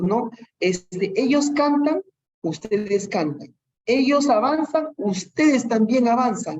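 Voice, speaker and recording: A Peruvian-accented teacher delivers an online class lesson in a medium-pitched, darkish voice, and the audio sounds dull. She patiently works through lots of examples and keeps checking in with tag questions.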